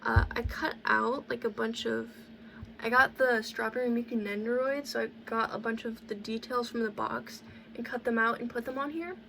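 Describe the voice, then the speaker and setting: A woman walks through a cosplay how-to in a casual, rambling vlog voice, sprinkling in likes and ums. Her voice sits slightly high. She sounds a bit distant from the mic, with a faint hiss of background noise. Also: steady tone, normal speed, vocal fry, fairly bright tone. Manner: chatty, rambling, fills with "like" and "um". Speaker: cosplayer showing a build book.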